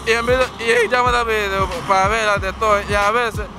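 A man from Haiti who washes windshields, answering street-interview questions outdoors in halting, stumbling phrases. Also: high-pitched, steady tone, over music, crowd noise.

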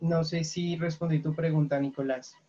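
A woman's voice: sits low, steady tone, moderate pace, warm tone. Brief: woman teacher on an online call, patient, keeps checking in, lo-fi audio. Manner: patient, checks often for questions. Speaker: English teacher. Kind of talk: online class, explaining grammar. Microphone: video call.

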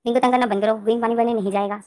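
A woman voicing a gentle middle-aged mother who speaks softly and quietly. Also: a little high, fairly even intonation, very fast, no echo, studio quality, close to an everyday voice. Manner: soft, quiet, soothing.

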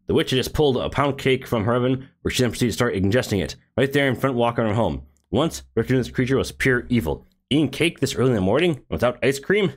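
A man's voice: mid-range voice, lively intonation, fast talker, hardly any pauses. A man who streams games, reading a game story aloud with sarcastic asides.

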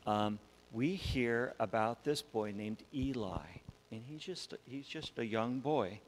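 A pastor telling a Bible story to children in a church, animated and acting out the voices. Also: male voice, medium pitch. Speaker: pastor giving a children's message. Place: church sanctuary. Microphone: wireless mic. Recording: church hall reverb with faint hum.

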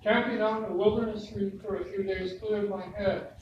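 A medium-pitched voice with little pitch movement and normal speed belongs to an older, long-time resident of Lebanon, Oregon, who reads reminiscences aloud at a local history talk in an American accent. Highs are cut off, and the camera, far across a hard-walled indoor room, picks up heavy echo and noise.

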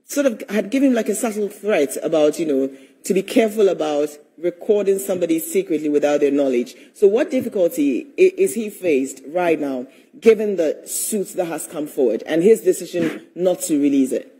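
A male news interviewer with a Ghanaian accent. His voice sits fairly high and is noticeably husky, with a slightly mellow tone as he sets out his questions. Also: lively intonation, normal speed, rough recording.

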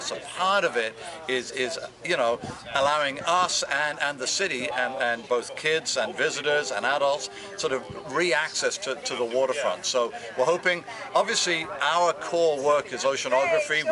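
A man in his fifties who leads an ocean research group, talking earnestly and with enthusiasm in an outdoor interview, often restarting his sentences. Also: medium pitch. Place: outdoors by a brick building and truck. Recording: outdoor street noise and voices.

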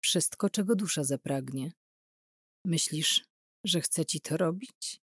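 A coldly persuasive male interrogator from an audiobook drama, voiced by a woman narrator. He speaks slowly and evenly, pressing with quiet coaxing menace. The voice sits fairly low and is recorded dry and close. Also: husky, no room sound, full character voice. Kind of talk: audiobook character reading.

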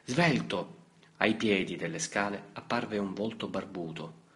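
A man reading a novel aloud as an audiobook narrator, in a measured, steady way. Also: low-pitched. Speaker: audiobook reader. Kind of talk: scripted literary narration.

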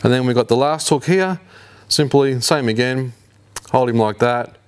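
A man in his fifties with an Australian accent, hosting a fishing tutorial in a garage workshop and explaining each step in a relaxed, slangy way. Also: mid-range voice, normal speed, clear, resonant tone. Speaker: fishing channel host. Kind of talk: hands-on tutorial. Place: indoor garage workshop with shelves.

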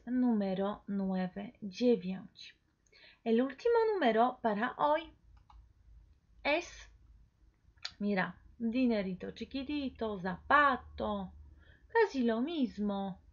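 Woman, language teacher, drawn-out repetitions, very slow delivery, muffled lo-fi sound. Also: fairly high pitch. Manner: repeats each word slowly, coaxing the listener to echo. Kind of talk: slow pronunciation lesson. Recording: dull lo-fi recording.

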